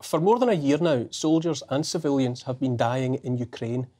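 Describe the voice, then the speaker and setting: A man presenting a broadcast interview in a polished, measured way. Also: mid-range voice, dark tone.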